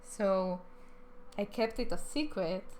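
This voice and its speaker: With music behind her and slight background noise, a young adult animator rambles casually over her speed draw video. Her mid-range voice is a little mellow with lively intonation, she takes it slowly, jokes at her own expense, and swaps R's for W's.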